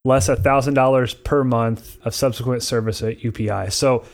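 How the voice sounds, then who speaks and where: A man's voice: medium pitch, fairly even intonation, normal speed. Man, podcast co-host, casual explainer, mid-range voice, loose rambling delivery, recording on an airplane.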